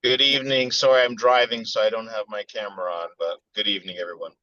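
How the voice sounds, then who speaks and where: A man's voice: fairly low pitch, fairly even intonation, quick pace, pushed and bright, no room sound. A board member, a man, greets a meeting briefly and hurriedly over a car speakerphone while driving. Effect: car speakerphone call while driving. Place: in a moving car. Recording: dull lo-fi phone line.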